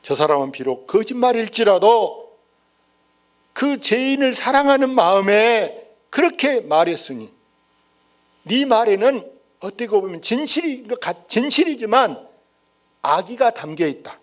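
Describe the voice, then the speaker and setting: A man voicing a stern, wise old king who speaks in slow, grave, measured pronouncements. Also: high voice, very animated.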